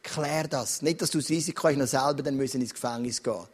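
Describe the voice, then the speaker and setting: A middle-aged man with a Swiss German accent preaching a sermon as pastor, in an animated, direct, conversational way. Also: medium pitch, fast, breathy edge.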